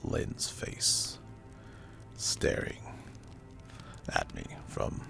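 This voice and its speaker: A man narrating a scripted first-person horror story as hushed ASMR, with a breathy, gravelly, spooky delivery. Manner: slow, hushed, deliberate and spooky. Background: music.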